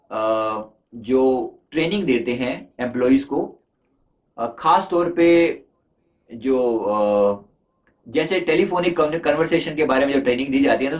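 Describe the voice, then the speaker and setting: A man's medium-pitched voice comes through a dull, lo-fi recording as he gives a motivational talk on communication in the relaxed style of a life coach. Along the way he mixes in English terms and poses rhetorical questions to listeners.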